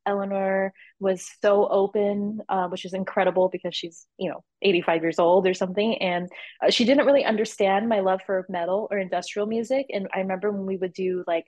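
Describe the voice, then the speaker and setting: A young adult woman, a cellist, talking in a casual interview with a rambling, animated manner, frequent fillers and laughter. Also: medium pitch, a little fast, dry recording.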